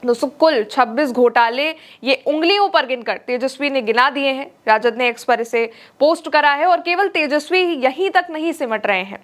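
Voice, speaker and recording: A woman's voice: sits high, moderate pace, hardly any pauses. A woman presenting scripted political news narration in an emphatic, dramatic way.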